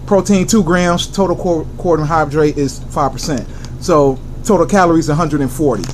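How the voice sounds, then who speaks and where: An American man with a slightly high voice hosts a casual food review. He speaks enthusiastically and directly to viewers, repeating catchphrases and asking himself questions. There is clear background noise and crinkling behind him. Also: moderate pace, low-quality recording.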